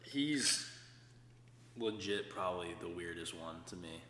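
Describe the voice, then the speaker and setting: A man's voice: low-pitched, expressive, unhurried. A young man co-hosting a casual podcast, giving short, laid-back answers. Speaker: podcast co-host. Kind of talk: casual chat. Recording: echoey room with long reverb, faint hum.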